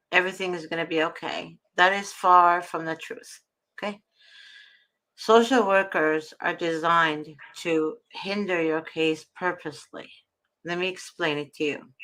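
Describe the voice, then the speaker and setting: A woman's voice: lowish voice, fairly bright tone, low-quality recording. A woman hosting an advice show, talking with effort through toothache after dental work, explaining things in an earnest, emphatic way. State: swollen, sore mouth after a root canal, in pain, talking with effort. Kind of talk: earnest advice talk to viewers.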